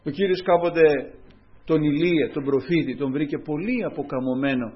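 A male preacher giving an impassioned sermon, swinging between loud and hushed and calling his listeners brothers. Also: fairly high pitch, lo-fi sound.

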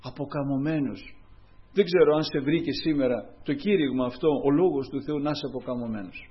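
A male preacher giving an impassioned sermon, swinging between loud and hushed and calling his listeners brothers. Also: on the high side, muffled recording.

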